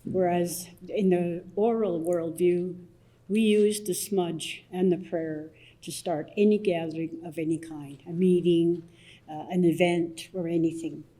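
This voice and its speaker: Older lady elder, slow gentle halting talk, lowish mellow voice, from southern alberta. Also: low-quality recording. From Blood Tribe, southern Alberta, Canada. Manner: soft-spoken, halting, many pauses and restarts. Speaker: elder leading smudge ceremony. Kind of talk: opening blessing and explanation at a public assembly.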